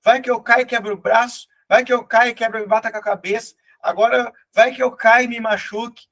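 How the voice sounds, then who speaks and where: A man's voice: extremely high pitch, fairly even intonation, brisk, fairly bright tone, pitched above the performer's own voice. A man voicing an anxious young boy who frets about getting hurt. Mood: fretful. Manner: whiny, worrying.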